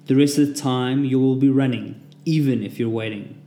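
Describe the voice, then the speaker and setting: A hulking Russian drill sergeant, as a male narrator puts him on, bellowing orders in a heavy accent with punchy, forceful delivery. The voice rings out in a roomy, echoing space, a little higher and louder than the storyteller's own. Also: steady tone, normal speed, close to an everyday voice. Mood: barking orders. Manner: barking commands. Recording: roomy echo.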